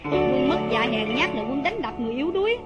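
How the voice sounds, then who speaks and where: An actress playing a gentle but proud young wife in a stage drama, speaking in a soft, measured way. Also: female voice, sits high, lively intonation, lo-fi sound, loud music behind the voice. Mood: defiant. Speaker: actor.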